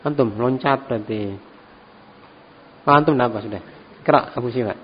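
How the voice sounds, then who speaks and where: A middle-aged man, teaching a classroom lesson in a relaxed, encouraging way and tagging his phrases with a questioning "ya". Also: mid-range voice, normal speed. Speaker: Arabic teacher, religious instructor. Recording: dull recording with long hall reverb and faint ambient noise.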